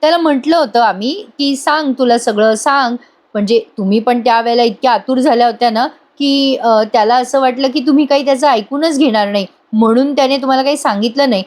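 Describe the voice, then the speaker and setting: A woman voicing a calm elder brother who gently reassures a young woman. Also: sits high, fairly quick, natural voice. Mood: reassuring.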